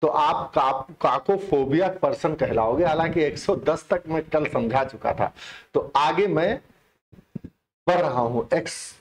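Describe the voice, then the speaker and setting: A man's voice: on the high side, animated, measured pace. Chatty man teaching vocabulary. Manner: explains in Hindi mixing English terms, chatty and repetitive. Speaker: English teacher. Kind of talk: online exam-prep lesson.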